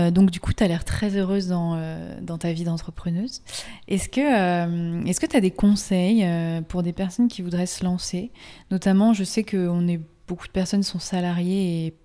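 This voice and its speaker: Mellow low-voiced woman host, hesitant. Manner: rambling, hesitant questions full of fillers. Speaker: interviewer and fellow yoga teacher. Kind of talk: casual conversational interview.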